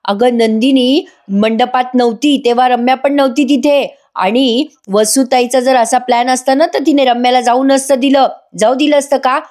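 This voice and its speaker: A woman's voice: high-pitched, steady tone, moderate pace, hardly any pauses, darkish tone, close to an everyday voice. A woman voicing a stubborn middle-aged father in her own voice, speaking sternly and dismissively.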